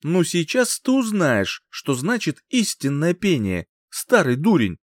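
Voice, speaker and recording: A man voicing a boastful, hot-tempered young rival who boasts and rages in a shrill tone. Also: huge pitch swings, dry recording, studio quality, heavily acted. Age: young adult. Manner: boastful, shrill, quick to rage.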